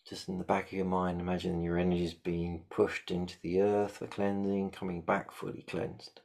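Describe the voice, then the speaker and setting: A man leading a guided shamanic meditation, giving calm, repetitive step-by-step instructions. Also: sits low, normal speed, vocal fry.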